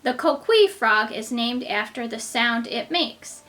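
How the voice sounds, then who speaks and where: Woman, teacher reading to small children, unhurried pace, brightly toned voice, simple child-directed phrasing. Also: a little high, expressive. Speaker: kindergarten teacher. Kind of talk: reading a children's book aloud to young children, with asides and questions.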